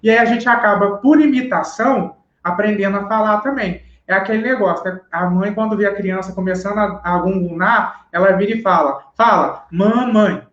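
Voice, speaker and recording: A man's voice: high voice, fairly quick, hardly any pauses, fairly bright tone. Man patiently explaining in a roomy room. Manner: patient, explaining step by step, often asks "entendeu?". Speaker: sign language teacher guest. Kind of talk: explanatory interview answers. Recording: roomy, dull live-stream audio.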